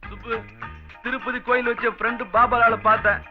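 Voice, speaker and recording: An actor playing a scheming rich landlord who brags about riches and talks smoothly. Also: male voice, very high voice, flat delivery, a little fast, faint music behind. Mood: boastful. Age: middle-aged. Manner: boastful, smooth-talking. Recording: dull lo-fi film audio with score.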